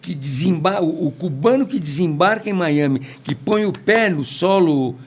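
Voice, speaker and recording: A man's voice: fairly high pitch, animated, moderate pace, a little hiss or hum. A Brazilian man on a podcast panel, giving opinionated commentary and telling anecdotes at length. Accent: Brazilian Portuguese. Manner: opinionated, tells anecdotes, digressive.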